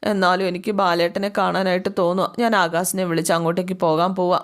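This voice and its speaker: A woman's voice: on the low side, flat delivery, a little fast, close to an everyday voice. A woman voicing an anxious, guilt-ridden middle-aged mother who pleads and frets. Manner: fretful, pleading.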